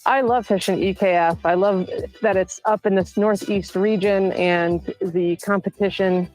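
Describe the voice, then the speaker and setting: Woman kayak angler, from New York, wry, dry humor, quiet music underneath. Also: medium pitch, steady tone, unhurried, rough recording. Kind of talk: short interview answer.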